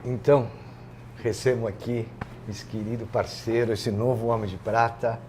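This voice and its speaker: A man's voice: medium pitch, little pitch movement, normal speed, a little mellow, a little hiss or hum. A man hosting a casual interview, full of joking banter. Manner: jokey, laughing banter. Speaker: host.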